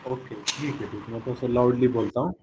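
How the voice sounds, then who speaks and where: A man's voice: medium pitch, brisk, noisy background. A man teaching a history class online, his voice cutting out on a bad connection. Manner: explains answers, checks if students hear. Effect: breaking-up online call audio. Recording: dull lo-fi online call audio.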